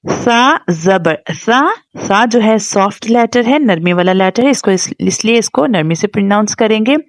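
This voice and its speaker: A woman teaching a tajweed lesson, spelling words out letter by letter in long drawn-out recitation, then explaining quickly. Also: medium pitch, no echo.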